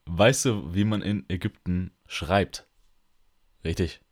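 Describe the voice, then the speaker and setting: Male podcast co-host, very low voice, casual slangy banter. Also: slow, darkish tone. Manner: joking, laughs often, slangy. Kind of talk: casual chat.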